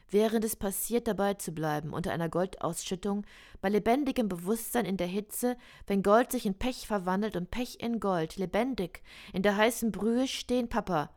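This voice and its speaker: A woman reciting experimental prose poetry in a slow, measured, deliberate way. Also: mid-range voice.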